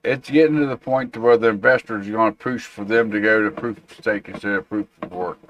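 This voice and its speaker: A man's voice: on the low side, fairly even intonation, a little fast, fairly bright tone. A man hosting a tech show, chatting casually and informally and reacting to viewer comments. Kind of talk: casual livestream chat.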